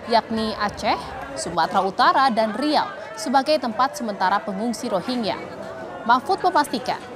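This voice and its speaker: Fairly high-voiced woman news anchor. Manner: crisp formal delivery. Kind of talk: studio news reading. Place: TV studio.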